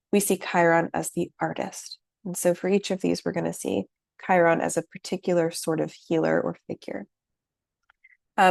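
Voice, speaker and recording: Gravelly, low-voiced woman teaching astrology. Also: no room sound, clean studio sound. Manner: gentle, reflective, with frequent fillers. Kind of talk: lecture.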